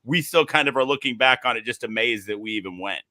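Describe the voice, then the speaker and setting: A man's voice: mid-range voice, animated, quick pace, bright, forceful tone, no echo. A man co-hosting a horror movie podcast, telling jokey stories in casual chat. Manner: chatty, jokey storyteller. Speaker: podcast co-host.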